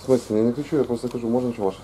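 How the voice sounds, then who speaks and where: A man's voice: mid-range voice, steady tone, rapid-fire, warm tone, a little hiss or hum. A man filming himself as he questions officers on duty, insistent and pressing, repeating his demands. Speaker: blogger confronting police at a post. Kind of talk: confrontational street recording.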